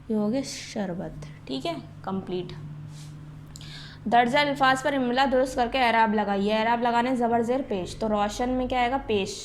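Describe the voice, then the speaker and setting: Woman teacher, fairly high voice, patient step-by-step explaining, faint hiss behind. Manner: patient, explains step by step and asks the class questions. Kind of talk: classroom lesson.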